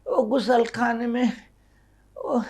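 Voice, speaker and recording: A man's voice: very high voice, level tone, takes it slowly, darkish tone, slightly rough, pitched above the performer's own voice, exaggerated voice. A man with a Hyderabadi accent voicing a fussy, ailing middle-aged wife who groans and whines. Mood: whiny complaining. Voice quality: whiny, groaning.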